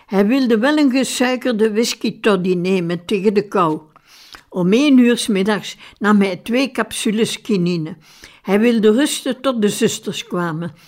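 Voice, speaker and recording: A woman reading a biographical story aloud in a calm, measured way. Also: mid-range voice. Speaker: narrator. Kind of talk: scripted audiobook narration.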